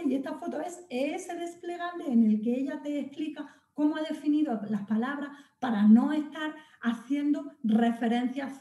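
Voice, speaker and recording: A woman giving a public lecture. She is animated, talks straight to her audience, and often restarts and corrects herself. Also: sits high. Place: lecture hall. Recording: dull echoey hall recording.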